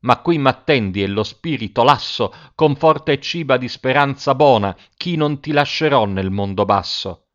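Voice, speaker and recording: A man voicing a calm, wise old male spirit guide, speaking in measured, solemn reassurance in a dull lo-fi recording. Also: mid-range voice, natural voice.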